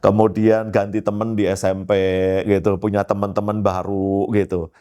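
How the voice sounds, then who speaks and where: A man, a pastor, telling his life testimony in a lively storytelling way, often turning to address his listeners directly. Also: lowish voice, moderate pace.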